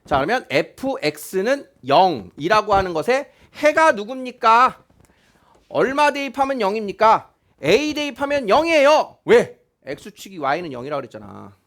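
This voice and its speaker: A man's voice: high-pitched, sing-song, unhurried, a bit bright. A male math teacher explaining a lesson, asking questions and repeating key points to check that students follow. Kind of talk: classroom math lecture.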